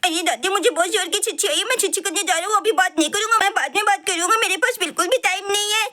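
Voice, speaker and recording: A woman's voice: very high-pitched, fast talker, pushed and bright. A woman voicing an impatient young boy who whines and pleads urgently. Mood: desperate.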